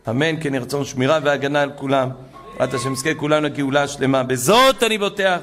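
A man's voice: medium pitch, flat delivery. A man giving a rabbi's sermon to a gathering, preaching with fervor and retelling conversations. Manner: fervent preaching that builds to loud exclamations. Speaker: rabbi giving a Torah talk.

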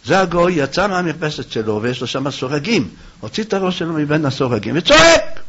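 A man's voice: on the high side, husky. A man preaching, telling a folk tale with acted-out voices, then auctioning candles. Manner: animated storyteller, acts out shouting voices. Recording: dull lo-fi recording.

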